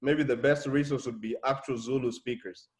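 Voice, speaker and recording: Host: man, mid-pitched voice, casual and halting, pauses a lot mid-sentence. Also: steady tone, darkish tone. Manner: hesitant, many fillers. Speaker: host of language channel. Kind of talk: casual interview chat.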